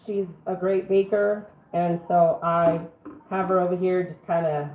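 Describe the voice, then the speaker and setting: Two weeks of illness have left this middle-aged woman's voice rough and congested-sounding, and she keeps clearing her throat while hosting a live home cooking stream. Folksy and chatty, she greets viewers by name, speaking a little slowly with a flat delivery in a low, darkish voice. Audio is roomy, phone-like and band-limited with faint noise.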